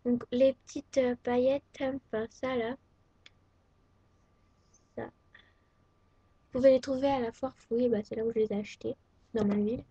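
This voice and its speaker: Teen girl craft vlogger from France, chatty and halting, soft lo-fi webcam recording. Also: fairly high pitch, steady tone, husky, no room sound. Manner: chatty and hesitant, many fillers. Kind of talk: casual show-and-tell. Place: at home, indoors. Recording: dull lo-fi webcam audio. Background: faint vacuum cleaner.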